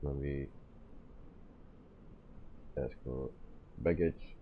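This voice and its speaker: Very deep, slow-talking man streaming, dull sound. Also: fairly even intonation, a little hiss or hum. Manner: hesitant, explaining step by step. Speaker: flight simulator live streamer. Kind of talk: casual game commentary.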